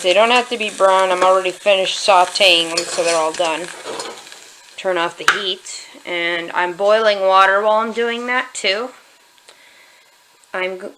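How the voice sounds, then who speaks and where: A woman's voice: medium pitch, fairly bright tone, a little hiss or hum, poor audio. A woman casually demonstrating a homemade recipe in her kitchen, talking in a chatty, rambling way with restarts. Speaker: home cook vlogger. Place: home kitchen.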